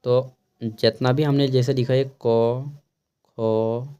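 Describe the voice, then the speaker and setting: A man with a Khortha-inflected Hindi accent teaching an exam-prep lesson, explaining slowly and often checking with a quick "okay". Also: mid-range voice, flat delivery, dark tone, dull audio, slight background noise.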